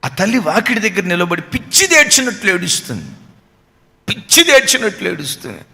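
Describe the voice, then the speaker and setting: A Telugu-accented male pastor preaching an emotional sermon, pressing repeated questions and often dropping into hushed, prayerful tones. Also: sits high, huge pitch swings, brisk, gravelly, long reverb tail.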